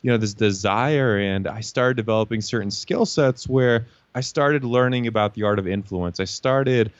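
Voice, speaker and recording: A young man from Lithuania tells his story as an interview guest, confident and fluent, peppering his talk with "you know." His voice sits a little low. The recording is dry and somewhat dull, like a lo-fi line. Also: moderate pace, smooth, no echo. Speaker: guest, LinkedIn marketing consultant.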